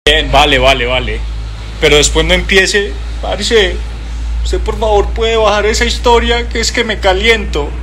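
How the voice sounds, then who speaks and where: A man's voice: high voice, unhurried, pushed and bright, soft background music. Jokey man reciting verses. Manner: jokey, crude slang.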